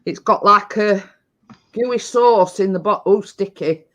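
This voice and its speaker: A woman's voice: medium pitch, a little slow, fairly bright tone. A woman co-hosting a baking show, chatting casually and rambling as she repeats herself. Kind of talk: casual live-stream chat.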